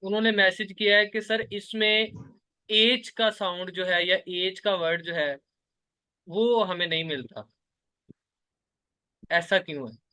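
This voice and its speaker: A man's voice: high-pitched, takes it slowly, pauses often, bright, forceful tone, smooth, dry recording. A man student in an online class, politely relaying a classmate's question to the teacher.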